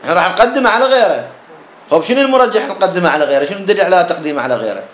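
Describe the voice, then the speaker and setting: A man's voice: sits high, lively intonation, rapid-fire, reverberant, poor audio. A man with an Iraqi Arabic accent teaching a jurisprudence class, explaining a text line by line and posing questions he answers himself.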